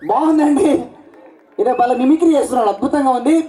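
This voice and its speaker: A man's voice: very high-pitched, mellow, some chatter behind. A man performing a stage comedy skit as a bossy, mocking show star. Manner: bossy, mocking, rapid banter. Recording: roomy stage sound from a distance.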